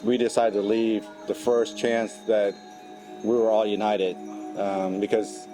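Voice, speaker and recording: A middle-aged man from Cambodia speaks in a lowish voice, reflective and halting, often restarting his sentences. Clear music plays under his interview, as in a documentary. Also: flat delivery, rough recording. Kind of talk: documentary interview, recounting memories. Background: background music.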